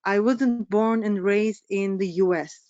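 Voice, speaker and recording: A woman's voice: medium pitch, fairly even intonation, unhurried, warm tone, no echo, dull audio. A middle-aged woman from Turkey with a Turkish accent, giving a webinar presentation as a business coach, hesitant with many fillers.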